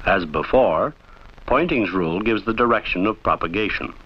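Narrating a training film, a man with a low, slightly breathy voice uses animated, varied pitch. His delivery is formal and deliberate, like a lesson. The audio has the muffled, detail-poor quality of an old instructional reel.

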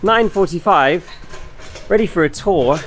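A man's voice: high voice, animated, unhurried, noisy background. A man narrating his motorbike travel vlog casually to camera, chatty and upbeat, calling viewers guys. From Britain. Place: outdoors and in a cafe, on the road in rainy weather.

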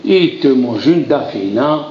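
A man giving a Torah lesson, animated and theatrical, acting out dialogues and crying out in exclamations. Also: mid-range voice, slow pace, a little hiss or hum. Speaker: rabbi teaching a Torah class. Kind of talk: lively French Torah lesson. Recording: roomy lo-fi recording with faint ambience.

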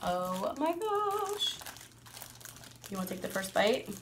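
Chatty, excitable mom vlogger. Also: female voice, a little high, slow pace, a little hiss or hum. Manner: chatty and excitable, laughs often. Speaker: family vlogger and mother. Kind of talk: casual product review chat.

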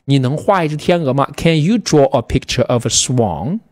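Lively man teaching English bird words. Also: medium pitch, no room sound, studio quality. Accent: Mandarin Chinese. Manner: lively, addresses students, repeats words slowly. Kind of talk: casual online vocabulary lesson.

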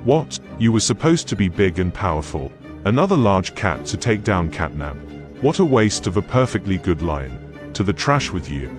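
An actor playing a cruel, contemptuous, scheming company boss in a cartoon. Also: male voice, low voice, very animated, moderate pace, over music. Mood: scornful. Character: cruel, scornful toy company CEO villain. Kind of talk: dramatic cartoon villain acting.

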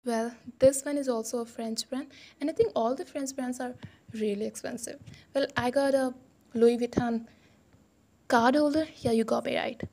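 Slow, drawn-out woman teacher. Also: a little high, fairly even intonation, dark tone. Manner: repeats words slowly and corrects the listener. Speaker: host teaching brand pronunciations. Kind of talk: casual lesson in mixed Hindi and English.

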